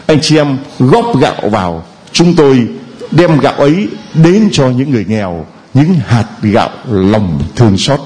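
Priest exhorting a congregation. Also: male voice, mid-range voice, sing-song, moderate pace, a little mellow, low-quality recording. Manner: exhorting, prods with short questions. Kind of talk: sermon and questioning a congregant.

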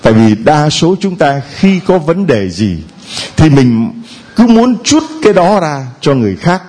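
Preacher: middle-aged man, animated sermon, pitch rising and falling a lot, slightly high voice. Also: unhurried. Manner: lively, animated preaching with sung snatches and mimicked voices. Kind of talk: sermon at a retreat.

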